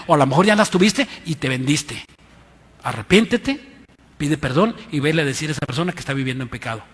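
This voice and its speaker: A man's voice: medium pitch, fairly bright tone, slightly rough. A man with a Mexican accent preaching a sermon as pastor, emphatic and repeating his key lines. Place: church hall. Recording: reverberant church hall.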